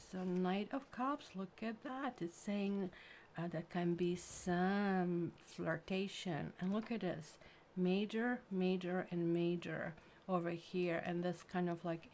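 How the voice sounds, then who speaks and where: Chatty woman, low-pitched. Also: slight background noise. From Croatia. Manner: chatty, rambling, full of "like" and "kind of", lively bursts. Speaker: tarot reader. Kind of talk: casual tarot reading to camera.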